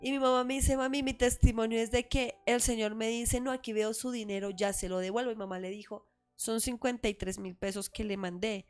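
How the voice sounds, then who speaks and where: A woman's voice: on the high side, fairly even intonation, brisk, clear, resonant tone, faint music behind. Woman telling a church testimony. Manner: retells her mother's story, acting out quoted voices. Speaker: church member giving testimony. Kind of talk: storytelling testimony in casual chat.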